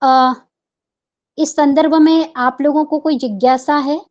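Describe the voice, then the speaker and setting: A woman, a Sanskrit pronunciation expert, giving a teaching lecture at a teachers' seminar, speaking carefully and chanting verses with drawn-out syllables. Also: high voice, steady tone, a little mellow, dull audio.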